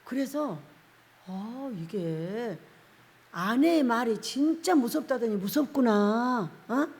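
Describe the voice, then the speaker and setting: A woman's voice: a little high, animated, slow pace, darkish tone. Laughing woman pastor in a reverberant hall. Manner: chatty storytelling sermon with frequent laughter and acted quotes. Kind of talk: sermon. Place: prayer-house church sanctuary.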